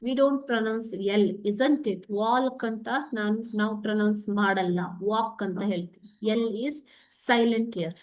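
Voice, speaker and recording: A woman teacher with a Kannada accent and Kannada as her first language, explaining a lesson clearly and patiently, stressing words one at a time. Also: a little high, fairly even intonation, rapid-fire, a little mellow.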